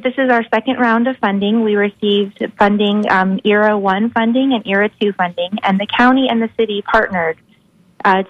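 A woman calling in over the phone to a radio show, a county social services manager explaining a program in a clear, businesslike way. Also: mid-range voice, no echo. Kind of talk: caller explaining a program on air. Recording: dull lo-fi phone line, dry.

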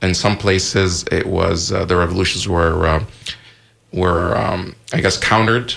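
Deep, gravelly male radio host. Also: fairly even intonation, unhurried, a bit bright. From Egypt. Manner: hesitant, frequent fillers and restarts. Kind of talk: live radio talk show discussion. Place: radio studio.

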